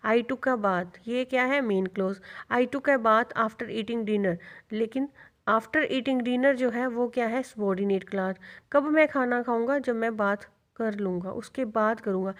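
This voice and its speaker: Higher-voiced woman teacher explaining step by step. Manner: explains step by step, asking and answering her own questions. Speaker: English teacher. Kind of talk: revision lecture.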